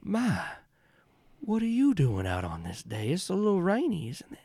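A man voicing a jovial, falsely courteous gunslinging gentleman with folksy, exaggerated politeness in a tabletop game. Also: high voice, wildly swooping pitch, normal speed, slightly rough, no room sound, voice pushed up, heavily acted. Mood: genial, unctuous. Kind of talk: tabletop role-play.

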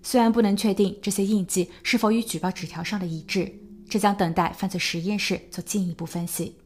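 A woman narrating a true crime podcast in a measured storytelling voice, building suspense as she goes. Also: mid-range voice, steady tone, darkish tone, slight background noise. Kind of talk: scripted narration.

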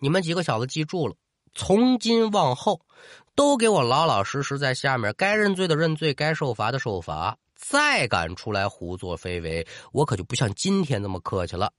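A man voicing a fierce old village woman who scolds and commands unruly ghosts, blunt and sharp-tongued. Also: medium pitch, dry recording, clean studio sound, close to an everyday voice.

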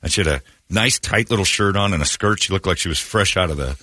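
A man's voice: low-pitched, fast, sharp tone, dry recording. A man hosting a radio talk show, giving blunt, opinionated rants in casual studio chat.

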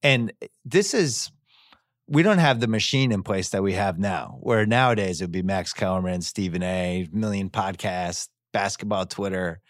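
A man hosting a podcast, telling sports stories in a casual, animated way with wry asides. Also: sits low, moderate pace, no echo, studio quality. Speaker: podcast host.

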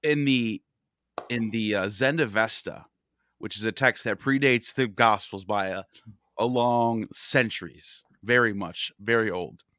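A man's voice: lowish voice, measured pace, pushed and bright, dry recording. A man hosting a podcast, eager and interjecting, breaking in to tie points together. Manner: eager, interjecting, cuts in with connections. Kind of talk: conversational podcast discussion.

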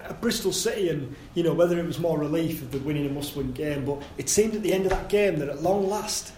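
A man hosting a casual football podcast, relaxed and conversational, leading the questions. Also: a little high, quick pace, a little hiss or hum. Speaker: podcast host. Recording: echoey room with faint ambience.

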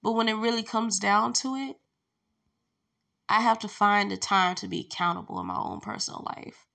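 Lying down at home and stuffed up with allergies, a young woman chats candidly on her solo podcast, full of loose fillers and laughter. Her mid-range voice is gravelly, bright and forceful at a normal speed.

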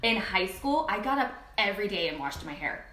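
A woman's voice: medium pitch, very animated, fairly quick, sharp tone. Chatty woman in a big echoey room. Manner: chatty, laughs often while talking. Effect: echoey room sound from a faulty mic setup. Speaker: podcast co-host. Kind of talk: casual chat. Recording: echoey room, faint noise.

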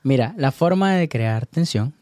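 A man giving dating advice in a casual podcast chat, animated and lecturing, often laughing as he talks. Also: medium pitch, unhurried, no room sound, clean studio sound.

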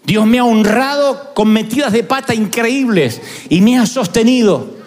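A man, preaching a storytelling sermon that swings from hushed asides to loud, emphatic preaching. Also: very high-pitched, animated, moderate pace. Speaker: pastor.

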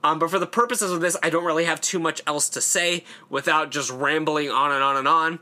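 A man's voice: a little high, steady tone, fairly quick, bright, forceful tone. A young man hosting his own channel, talking casually and rambling about games in a loose, conversational way with fillers and the odd swear. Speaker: horror channel host. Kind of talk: casual solo commentary.

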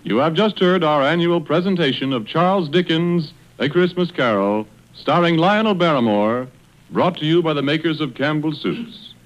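A man making a formal announcement in an old radio show, crisp and formal. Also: on the high side, animated, moderate pace, lo-fi sound, soft background music. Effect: old radio show sound.

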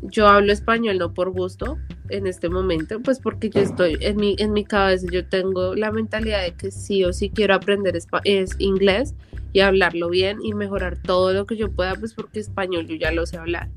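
A young woman hosts a relaxed podcast conversation, chatty and quick to agree with her guest. She laughs easily as she talks, and her voice sits at a middle pitch. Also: faint music behind. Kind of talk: casual conversational chat.

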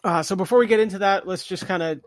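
Man, podcast host, casual chat, higher voice, dry close recording. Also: fast, no room sound.

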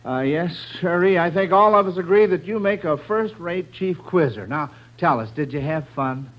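On a 1940s radio quiz, an American man plays host in a folksy, chatty manner, speaking to children and listeners as if they were friends. His voice is fairly high-pitched and his speed normal, heard through a muffled vintage broadcast.

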